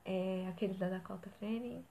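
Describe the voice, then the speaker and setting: A woman's voice: mid-range voice, steady tone, normal speed, vocal fry, warm tone, slight background noise. A young woman chatting casually about films she has watched, hesitant and full of fillers. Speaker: co-host reviewing films. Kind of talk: casual chat.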